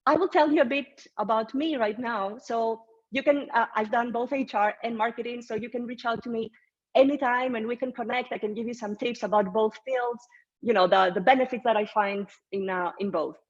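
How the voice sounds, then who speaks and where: Husky woman giving an encouraging webinar talk. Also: a little high, fairly even intonation, fairly quick, dull audio. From Greece. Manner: encouraging, conversational, with fillers and restarts. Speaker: career strategist presenting a webinar. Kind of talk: webinar presentation.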